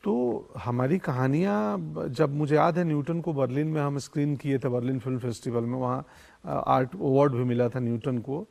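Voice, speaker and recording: A man's voice: medium pitch, moderate pace, creaky, darkish tone. A middle-aged actor speaking as a guest in an interview, musing and philosophical, telling stories from his life. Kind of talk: reflective interview conversation in Hindi mixed with English.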